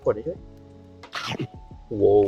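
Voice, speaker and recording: A man commentating a horror game in a deliberately low, spooky put-on voice while feeling unwell and coughing. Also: phone-quality sound, faint music behind. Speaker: game streamer. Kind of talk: casual horror gameplay commentary.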